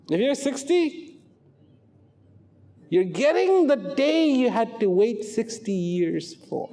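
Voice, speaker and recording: Slow, dramatic motivational male narrator. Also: sits high, a little mellow. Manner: slow, emphatic, rhetorical questions, drops to near whispers.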